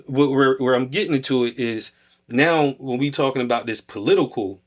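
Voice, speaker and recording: A man co-hosting a podcast, talking in a relaxed, explanatory way. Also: medium pitch, brisk. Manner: relaxed, explanatory, builds points step by step. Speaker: podcast co-host. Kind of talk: casual conversation.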